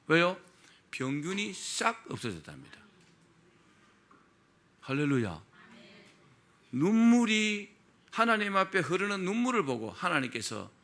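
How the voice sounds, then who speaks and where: Gravelly, lively male pastor preaching. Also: high-pitched. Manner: storytelling with frequent rhetorical questions to the congregation. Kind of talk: sermon.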